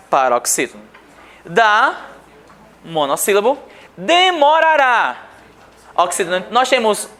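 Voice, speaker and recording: Man from Brazil, Portuguese teacher, exam review, lively rising and falling pitch, quizzes the class. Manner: asks the class questions and answers them himself; reads the passage slowly and carefully.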